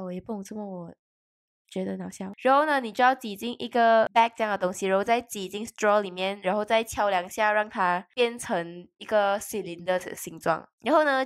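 A young woman doing a casual, rambling and playful vlog voice-over, mixing in English words. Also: mid-range voice. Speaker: video creator.

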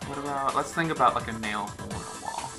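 Young male co-host, mid-pitched, casual playful debater, music clearly behind him. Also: fast. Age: young adult. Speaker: video co-host. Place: small living room, indoors on a sofa.

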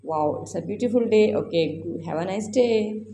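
Mellow woman in an echoey room. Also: medium pitch, moderate pace. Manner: effusive, repetitive. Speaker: YouTube host. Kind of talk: casual scripted-style video voice-over with repeated phrases. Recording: roomy echo, faint background noise.

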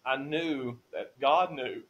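A man's voice: mid-range voice, slow pace, muffled recording. A man in his forties on a podcast, telling a personal faith testimony with earnest feeling, his voice rising when he is moved. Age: 40s. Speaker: podcast guest. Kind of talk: emotional testimony.

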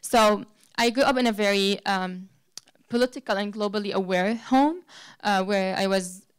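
Earnest young woman, smooth voice. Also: medium pitch, moderate pace. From Syria. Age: young adult. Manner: earnest, with frequent restarts and fillers. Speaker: guest speaker. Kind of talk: personal account at a public talk. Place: lecture room with a seated audience. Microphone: handheld microphone.

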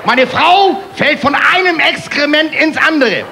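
A man from Hamburg with a Hamburg accent doing rapid-fire stand-up jokes on stage, punchy one-liners, keeps calling the crowd "friends". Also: very high-pitched, lively intonation, gravelly, pushed and bright. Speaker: stand-up comedian. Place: live stage before a laughing audience. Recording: TV show stage recording with crowd noise.

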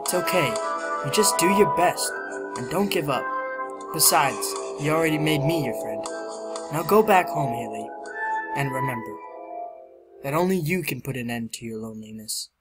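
A young man voicing a gentle, earnest teenage girl consoling a former friend in a video game. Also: on the high side, animated, moderate pace, pauses often, pitched below the performer's own voice, lightly acted. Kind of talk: reading game dialogue aloud. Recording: loud game music behind.

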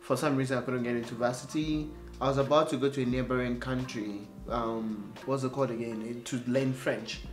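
A man's voice: medium pitch, a little fast. Young guy from nigeria chatting away on an interview, roomy echo, faint music under. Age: young adult. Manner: chatty and animated, laughs often. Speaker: interview guest, entrepreneur. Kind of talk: casual interview chat. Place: bright studio room with plain wall.

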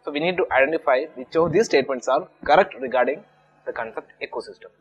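In lo-fi audio with slight background noise, an Indian English-accented man from Kerala lectures for exam prep. Speaking fast in a mid-range voice, he explains patiently and walks back through each point one step at a time.

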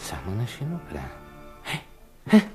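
Brash young friend. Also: male voice, low-pitched, wildly swooping pitch, faint music behind. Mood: eager. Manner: emphatic, shouting at times. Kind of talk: radio drama acting.

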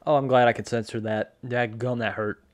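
Gamer guy, mid-pitched, eager backseat commentator with lots of laughs; dry, close recording. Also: fairly quick, dry recording. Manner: excitable, laughs often, backseat directing. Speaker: let's play co-host. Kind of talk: casual gaming commentary.

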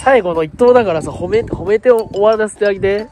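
High-voiced young man, teasing. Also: fairly quick, over music. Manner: teasing, banters with the others. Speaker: channel co-host. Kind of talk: casual outdoor fishing vlog chat. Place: outdoors on a riverbank.

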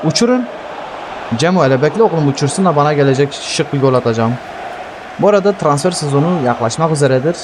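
A man commentating his own football video game match, excitable and swearing at teammates. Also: fairly high pitch, fast talker, noisy background. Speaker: gaming YouTuber playing football career mode. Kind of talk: live gameplay commentary.

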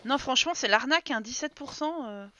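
A woman's voice: high voice, lively intonation, fairly quick, pushed and bright. A woman streaming a life-simulation game live, chatting with viewers and laughing as she reacts to what happens on screen. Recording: dry, slightly dull sound.

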